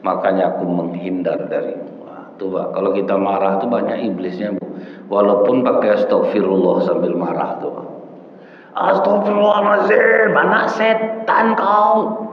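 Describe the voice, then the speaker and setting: Echoey Indonesian preacher. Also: male voice, low-pitched, fairly even intonation, normal speed. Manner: storytelling, addresses the audience with repeated asides to the men and women. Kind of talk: sermon. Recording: echoey hall, dull lo-fi sound.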